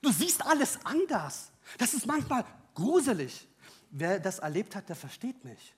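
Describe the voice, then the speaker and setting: A man with a high-pitched voice preaches to his congregation. He drives his points home with loud, rising emphasis. He then drops into quiet, wry personal asides and jokes. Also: sing-song, a little slow, slightly rough. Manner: personal and joking. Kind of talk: sermon.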